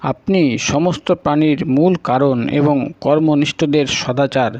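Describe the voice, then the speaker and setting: A man recites sacred names and a scripture tale in a slow, solemn cadence, pausing after each word. His voice sits a little high for a man. The recording is dry and close, with a slightly dull, muffled tone. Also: a little mellow, no room sound. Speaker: storyteller.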